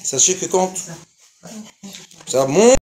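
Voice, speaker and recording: Man, 50s or older, rabbi lecturing, storytelling, acts out voices, wide-ranging pitch, roomy hall with faint background noise. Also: takes it slowly. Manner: animated, acts out dialogue, laughs while telling. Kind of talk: storytelling lecture to a live audience.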